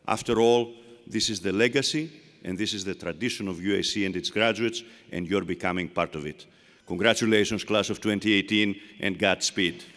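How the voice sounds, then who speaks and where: Speaking at a fairly low pitch with a fairly bright tone, an older man with a Greek accent addresses a commencement crowd in a large arena. The recording carries long arena reverb, and his emphatic rhetoric relies on repeated phrases.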